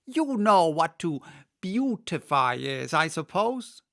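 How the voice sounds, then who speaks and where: A man puts on a blustery storybook griffin, brusque and scornful. The voice jumps up high and lands hard on its words, in a dry recording with little room sound. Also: sing-song, slow pace, creaky, fairly bright tone, no room sound, exaggerated voice. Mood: incredulous, scornful. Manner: emphatic, scornful, high-pitched exclamations. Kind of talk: storybook character reading.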